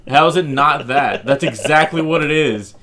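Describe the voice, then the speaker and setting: A man's voice: fairly high pitch, moderate pace, bright, forceful tone. A young man co-hosting a podcast in casual chat, blunt and argumentative, swearing freely. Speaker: podcast co-host.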